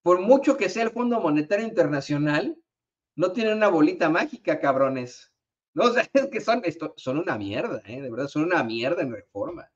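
A man's voice: fairly high pitch, lively intonation, moderate pace, muffled recording. A man with a Mexican Spanish accent hosting an opinionated news commentary show, sarcastic and combative, swearing freely. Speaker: political commentary host.

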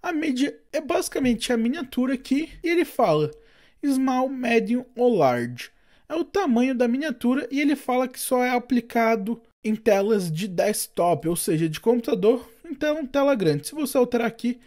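A man from Brazil narrating a step-by-step screen-recorded software tutorial, explaining settings and giving his own recommendations. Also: very high-pitched, lively intonation, moderate pace. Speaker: tutorial host.

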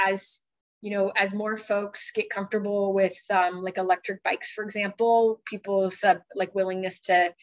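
A woman's voice: mid-range voice, fairly bright tone, poor audio. Earnest woman urging on a video call. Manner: earnest, urging, conversational with fillers. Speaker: county supervisor on a transit board. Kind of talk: town hall remarks on a video call. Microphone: video call webcam.

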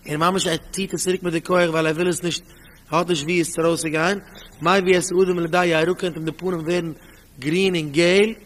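A man, a rabbi, teaching a Talmud lesson in an animated way, reading out the source text, explaining it, and asking rhetorical questions. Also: fairly high pitch, fairly quick. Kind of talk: Talmud study lecture. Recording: long hall reverb.

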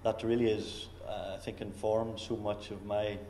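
A man speaking reflectively as a visiting artist, often pausing to search for words. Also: lowish voice, flat delivery, dark tone. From Northern Ireland. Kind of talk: casual panel talk. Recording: roomy hall with faint noise.

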